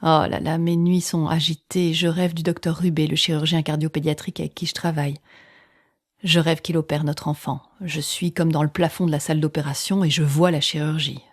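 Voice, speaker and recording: A woman with a low-sitting, level voice tells an intimate first-person story, using dramatic pauses, sometimes dropping close to a whisper, and acting out what others said. There is no echo.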